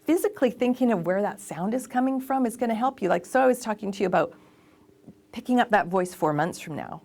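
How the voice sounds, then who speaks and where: A woman's voice: medium pitch, animated, fast talker, darkish tone. Chatty, emphatic woman in an interview. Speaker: voice actor and casting director. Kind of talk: interview conversation.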